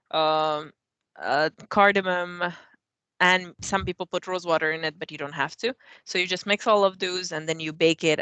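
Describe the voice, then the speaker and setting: A young Afghan woman co-hosts a casual podcast from her living room at home, with the kitchen nearby, chatting loosely with lots of fillers and restarts. Her voice sits fairly low, a touch bright, with no room sound.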